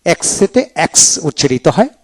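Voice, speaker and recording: A man teaching English pronunciation in a video lecture, saying each example word twice in a slow, deliberate way. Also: a little mellow.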